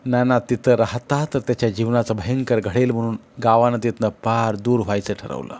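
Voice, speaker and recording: A man narrating a story in a steady, measured reading voice, as an audiobook narrator. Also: medium pitch.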